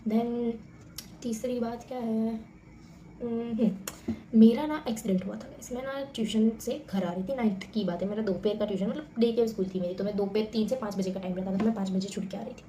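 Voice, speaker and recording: A young vlogger with a fairly high, mellow, dark-toned voice tells stories casually to camera, talking fast in an animated, chatty, familiar way. She's in an echoey room with a faint hum in the background.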